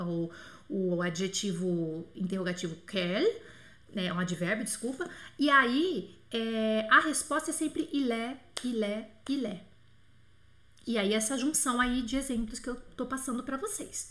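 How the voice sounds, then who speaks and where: A woman, teaching a live online French lesson. She patiently repeats phrases slowly to model pronunciation and answers viewers' questions by name. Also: fairly high pitch, a bit bright.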